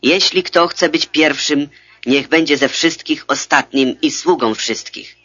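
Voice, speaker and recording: A man reading the words of Jesus as a calm adult teacher in a measured, solemn scripture reading, on a dull lo-fi recording. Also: fairly high pitch.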